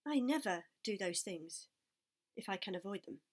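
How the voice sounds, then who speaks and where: A woman's voice: fairly high pitch, measured pace, close to an everyday voice. A crafty, greedy male rat, voiced by a woman reading aloud who grumbles sourly. He is a storybook schemer who looks out only for himself. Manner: sour, grumbling.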